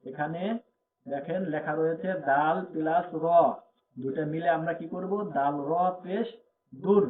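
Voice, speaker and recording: A man's voice: on the high side, a little slow. A man teaching Quran reading, spelling out each letter and vowel mark, then repeating the joined sound. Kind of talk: slow spelled-out recitation lesson. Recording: tinny phone-like audio with faint hum.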